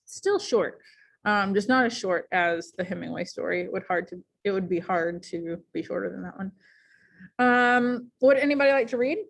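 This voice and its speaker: A woman teaching a high school English class in a casual, chatty way, full of ums and likes, speaking in a classroom. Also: normal speed, creaky. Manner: chatty, many fillers like um and like.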